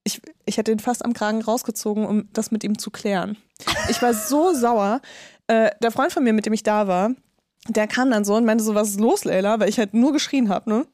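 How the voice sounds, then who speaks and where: A woman in her thirties co-hosting a podcast, telling a story in animated casual chat and swearing freely. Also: mid-range voice, brisk, no room sound, clean studio sound. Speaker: podcast co-host.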